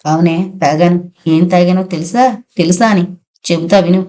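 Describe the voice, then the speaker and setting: A boastful drunk husband in an audiobook, read by a woman. He talks in a low, warm voice, swaggering and loose. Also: fairly even intonation, moderate pace, natural voice. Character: drunk middle-aged village husband, boastful. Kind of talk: audiobook character voice.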